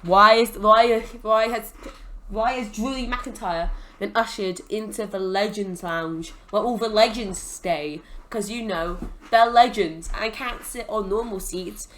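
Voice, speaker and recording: Brief: young woman, casual rambling let's-play host, bright and forward. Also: medium pitch, unhurried. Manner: rambling, chatty, lots of fillers. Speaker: gaming channel host.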